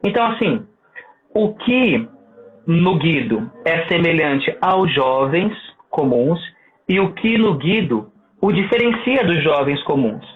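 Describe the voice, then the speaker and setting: A man's voice: on the high side, big pitch swings, slow pace. Man on a tinny line. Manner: warm, admiring, asks questions. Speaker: seminarian co-interviewer. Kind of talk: casual interview questions. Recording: tinny remote call line.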